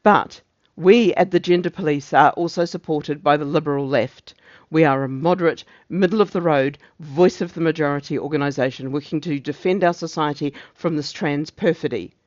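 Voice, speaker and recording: A man's voice: on the high side, normal speed, hardly any pauses, no echo, highs cut off, close to an everyday voice. A man playing a pompous, zealous morality officer, declaiming a satirical monologue in preachy, emphatic speeches. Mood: pompous officialdom.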